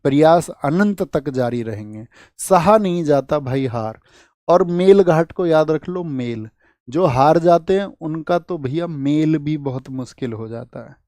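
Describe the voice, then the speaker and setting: A man from India teaching an exam-prep lecture, lively, asking his students questions and repeating the answers. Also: a little high, unhurried, dry recording, studio quality. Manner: lively, asks the class questions, rhetorical repeats.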